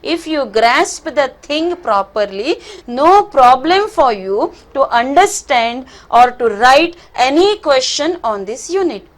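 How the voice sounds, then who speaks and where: A middle-aged woman teaches in Indian English with a clear Kannada accent. Her voice sits high, and she stresses her points firmly. She explains like a teacher advising students online, restating things and tagging on small check-in questions. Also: lively intonation, takes it slowly. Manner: emphatic, repeats points, checks in with short questions.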